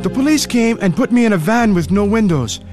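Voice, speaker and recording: A man from Ethiopia tells his own story in an earnest first-person radio drama, acting as both narrator and lead character. His high voice is expressive and brisk, turning pleading when he's frightened, and loud music plays behind him.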